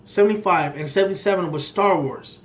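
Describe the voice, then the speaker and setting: A man's voice: sits high, fairly quick. A man giving a casual, unscripted film review in a rambling, emphatic way, often repeating himself. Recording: clearly noisy background ambience.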